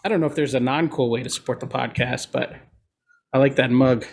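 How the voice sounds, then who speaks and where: A man with a nasal voice co-hosting a casual podcast, relaxed and chatty with lots of fillers. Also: mid-range voice, a little fast, creaky, slight background noise. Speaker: podcast co-host.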